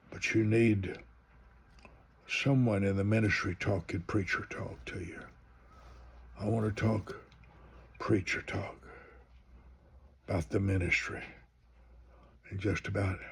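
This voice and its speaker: Announcing a live broadcast that's coming up, a man in his seventies who works as a minister chats in a loose, rambling way. His voice sits fairly low, with a fairly bright, slightly rough tone.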